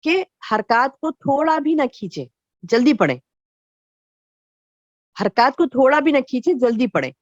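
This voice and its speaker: A woman religious teacher giving a lecture to women, explaining slowly with repeated phrases and rhetorical questions. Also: high voice, very animated, no echo, muffled recording.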